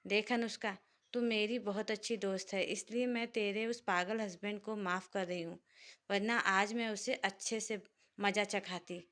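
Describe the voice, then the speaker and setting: A woman voicing an excitable, scolding young woman friend in a spoken story. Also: medium pitch, moderate pace, lightly acted. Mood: excited, scolding. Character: irritable young wife's friend, dramatic woman.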